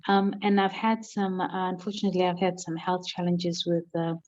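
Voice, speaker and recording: A woman from Zimbabwe on a video call, sharing heartfelt thanks with hesitant pauses. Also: lowish voice, level tone, lo-fi sound. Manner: warm, heartfelt, hesitant fillers. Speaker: call participant.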